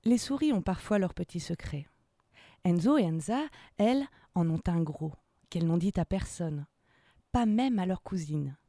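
A woman reading a children's story aloud in a slow, expressive way. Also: fairly low pitch, no echo, studio quality.

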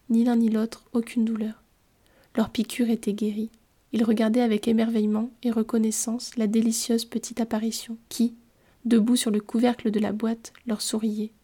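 A woman reading a storybook aloud in a calm, measured way. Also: fairly high pitch. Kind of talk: scripted storybook narration.

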